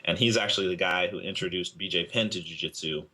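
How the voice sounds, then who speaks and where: A young man from Hawaii telling his story as an interview guest. His voice is very low but bright and forceful, and he rambles along with plenty of ums and likes. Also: quick pace. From Hawaii, United States. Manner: rambling, relaxed, many fillers. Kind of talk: casual interview.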